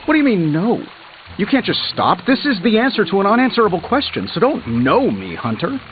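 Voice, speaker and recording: A man's voice: sits high, big pitch swings, brisk, narrow, tinny audio, slight background noise. A man playing a cocky, wisecracking armored billionaire superhero in a video game, glib and sarcastic. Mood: wry, joking. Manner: glib, sarcastic, quippy banter.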